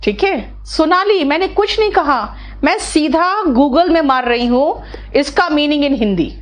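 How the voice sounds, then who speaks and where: A woman's voice: sits high, lively intonation, unhurried. A middle-aged woman, teaching vocabulary in an online class and coaxing her students step by step. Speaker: English teacher.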